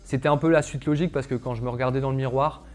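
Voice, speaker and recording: A young man, a calisthenics coach, speaks rapid-fire in a steady, mid-range voice with a slightly mellow quality. Telling his personal story to camera, he stays chatty and casual, dropping plenty of fillers and side remarks to viewers.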